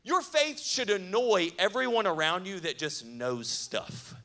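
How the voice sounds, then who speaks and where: A man preaching at a youth camp, lively and conversational with asides to the crowd. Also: high-pitched, a little slow. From not from the American South. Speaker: youth pastor. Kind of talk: sermon.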